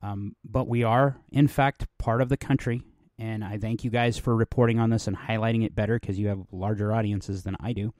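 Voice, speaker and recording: A middle-aged man from New Mexico hosts his podcast in a loose, rambling monologue, full of ums and restarts. His voice sits low and mellow, and the recording is close and dry. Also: fairly even intonation, brisk, no room sound. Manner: rambling, conversational, with many fillers and restarts. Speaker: podcast host.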